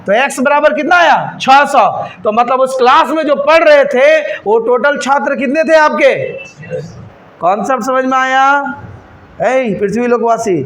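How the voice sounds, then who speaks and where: High-voiced teacher. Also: male voice, a bit bright. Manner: quizzes students with constant questions, scolds and teases them; slows to spell out each step. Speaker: teacher for government exam coaching. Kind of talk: classroom math lesson. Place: classroom with students.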